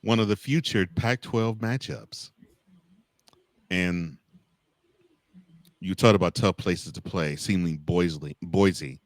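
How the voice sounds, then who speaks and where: A man's voice: sits low, slow pace, pauses often, dry recording. An American man co-hosting a casual college football discussion, repeating words and phrases for emphasis. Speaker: sports show co-host.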